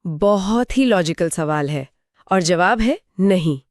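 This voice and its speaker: A woman co-presenting an exam-prep grammar lesson, explaining terms and examples in an even, affirming way. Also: on the low side, slow pace, no room sound, clean studio sound. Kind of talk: scripted two-voice exam lesson.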